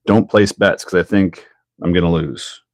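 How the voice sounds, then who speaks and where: A Canadian man with a fairly low voice chats casually through a live build stream, laughing easily as he answers viewers. The sound is dry, with no room echo. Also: fairly even intonation, normal speed. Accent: Canadian English. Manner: chatty, laughs often, answers viewer chat.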